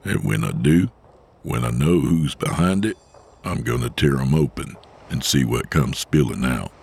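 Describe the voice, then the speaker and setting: A huge, gruff vigilante Santa who speaks slowly and steadily, as a man plays him. His voice sits very low and gravelly, with a husky edge. Faint music plays underneath. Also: expressive, a little mellow, exaggerated voice. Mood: grim. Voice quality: deep gravelly voice. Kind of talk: audio drama.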